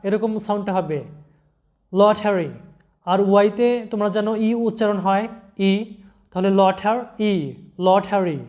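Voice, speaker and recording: High-voiced man teaching pronunciation. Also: a little mellow. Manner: patient, spells out words letter by letter. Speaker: English teacher. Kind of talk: online pronunciation lesson.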